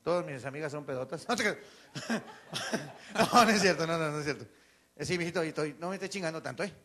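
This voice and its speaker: A man's voice: fairly high pitch, lively intonation, quick pace, bright, forceful tone. A man with a Mexican accent telling crude jokes on stage, laughing at his own lines and slipping into drunk voices. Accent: Mexican Spanish. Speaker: stand-up comedian. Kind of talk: stand-up joke telling.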